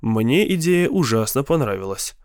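A man narrating a novel in a measured, unhurried way on a close studio mic. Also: medium pitch, sing-song, a little mellow, clear, resonant tone, dry recording. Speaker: audiobook narrator. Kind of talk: scripted narration.

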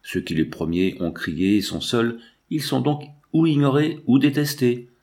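A man's voice: medium pitch, sing-song, a little slow, darkish tone. A man voicing an earnest, idealistic young male doctor who pleads anxiously.

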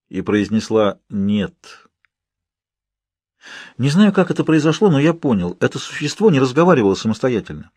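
A man narrating an audiobook in the first person, with steady, measured storytelling. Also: mid-range voice, husky, no room sound.

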